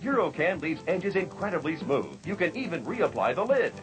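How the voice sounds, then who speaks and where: A man delivering a scripted infomercial sales pitch as an announcer, emphatic and enthusiastic. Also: sing-song, normal speed. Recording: music behind the voice.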